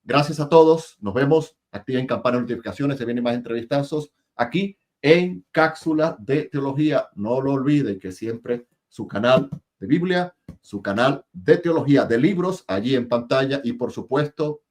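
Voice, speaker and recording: A male interview host talking over a video call, chatty and quick to laugh, often repeating his words. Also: mid-range voice, lively intonation, a little mellow. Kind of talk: casual interview and enthusiastic sign-off.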